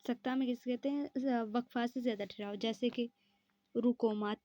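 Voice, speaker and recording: A woman's voice: fairly high pitch, steady tone, moderate pace, dark tone, highs cut off. A woman teaching an exam-prep lesson, explaining step by step and answering her own questions.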